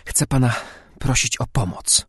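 A man's voice: medium pitch, unhurried, husky, no echo, clean studio sound. A man voicing a frightened, pleading young woman who speaks urgently.

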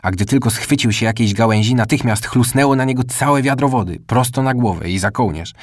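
A man reading a children's story aloud in calm, scripted narration. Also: mid-range voice, fairly quick, dry recording, studio quality. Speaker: audiobook narrator.

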